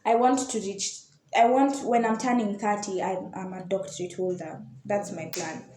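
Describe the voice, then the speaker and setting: On a podcast panel, a young adult woman with a Kenyan accent chats casually with the group, repeating phrases for emphasis. Her mid-range, darkish voice stays fairly even at a normal speed, recorded with roomy echo and faint background noise.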